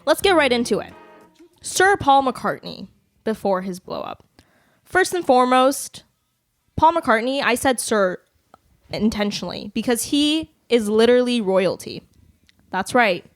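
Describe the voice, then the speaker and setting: A woman's voice: fairly high pitch, expressive, moderate pace, no room sound, clean studio sound, soft background music. A young woman with a New Jersey accent hosting a podcast in her bedroom, chatting casually and laughing often. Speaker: podcast host. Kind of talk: casual chat.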